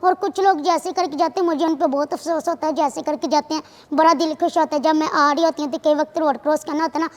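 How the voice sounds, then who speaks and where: A woman's voice: high-pitched, steady tone, fast talker, hardly any pauses. A young woman speaks as a TV guest, chatty and earnest. Her voice rings with a long reverb from the studio. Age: 20s. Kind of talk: casual interview talk.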